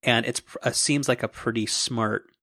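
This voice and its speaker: A man co-hosting a podcast, talking in a wry, animated way with little laughs. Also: medium pitch, moderate pace, gravelly, no echo, studio quality. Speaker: podcast co-host. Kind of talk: casual tech chat.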